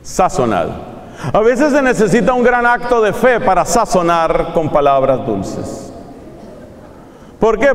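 A man preaching a sermon in a playful, teasing manner, drawing out emphatic phrases. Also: high voice. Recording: echoey hall with long reverb.

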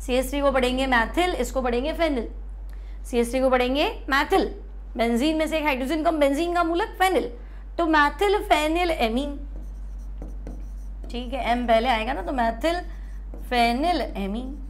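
High-voiced woman teaching chemistry. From India. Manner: explains step by step, repeats terms slowly, asks and answers herself. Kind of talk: classroom lesson on the board.

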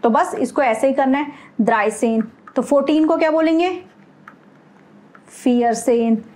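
A woman with a high, light voice, teaching a beginner language lesson. She keeps posing questions to the learner and answering them herself, slipping English words into her explanations. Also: unhurried, darkish tone. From India.

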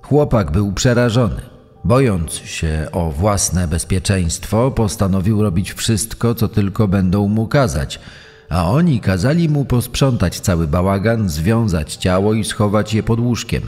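A man reading a true-crime story in a measured, dramatic way, with a long reverb on his voice. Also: fairly low pitch, animated, a little mellow, soft background music. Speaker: podcast narrator. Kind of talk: scripted true-crime narration.

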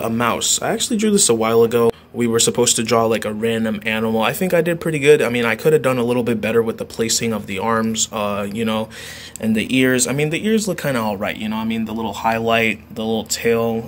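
A man's voice: medium pitch, fast talker, a little hiss or hum. A teenage young man chatting casually in a vlog, joking and correcting himself as he rambles along. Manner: jokey, rambling, self-correcting. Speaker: vlogger.

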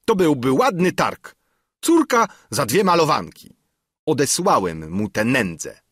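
A man's voice: medium pitch, sing-song, measured pace, a bit bright, breathy edge, no echo, studio quality, pitched above the performer's own voice, exaggerated voice. A man voicing a pompous old councillor who is easily frightened and bursts into indignant exclamations. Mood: alarmed, indignant.

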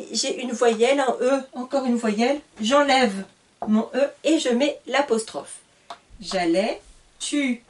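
A patient woman teacher explains grammar at a whiteboard, taking her time over every word. Her voice sits a little high and is heard from some distance, as if from a camera across the room. She spells endings out letter by letter and stops to correct herself. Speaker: French teacher. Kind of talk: slow whiteboard grammar lesson. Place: classroom at a whiteboard. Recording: voice a little far from the mic.

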